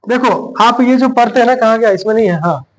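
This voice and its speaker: A male teacher giving a grammar lesson, dictating slowly and repeating phrases word by word. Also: very high-pitched.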